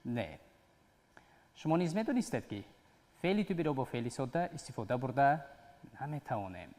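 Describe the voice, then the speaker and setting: A man's voice: medium pitch, big pitch swings, a little mellow. A man hosting a TV English lesson, patiently explaining grammar step by step. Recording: long hall reverb.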